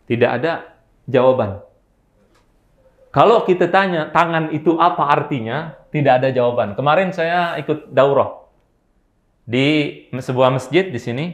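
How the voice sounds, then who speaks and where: Male Islamic teacher, fairly high voice, rhetorical questions, roomy hall sound. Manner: asks the audience questions and answers them himself. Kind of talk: religious study lecture. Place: mosque office study hall.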